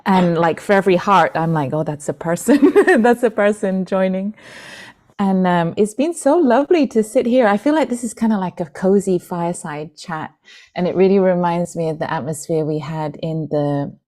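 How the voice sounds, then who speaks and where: A British woman in her forties, a Buddhist nun, speaking gently and reflectively to an online gathering. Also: lowish voice, lively intonation, normal speed. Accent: British, with an international lilt. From Britain. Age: 40s. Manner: gentle, reflective, with soft fillers and restarts. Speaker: Buddhist nun and Dharma teacher. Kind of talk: heartfelt talk to an online community. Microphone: video call.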